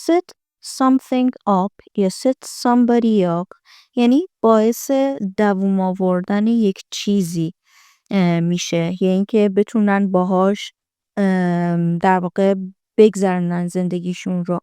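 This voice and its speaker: A woman teaching English from film lines, repeating each line slowly in an American accent and then explaining it. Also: medium pitch, steady tone, warm tone, clean tone, no room sound, clean studio sound.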